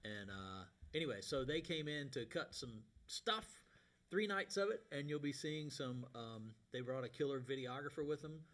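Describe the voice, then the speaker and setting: A man's voice: mid-range voice, lively intonation, normal speed, fairly bright tone. A man hosting a live music show with casual, folksy, colloquial chat, heard in an echoey warehouse. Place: warehouse space. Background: guitar playing.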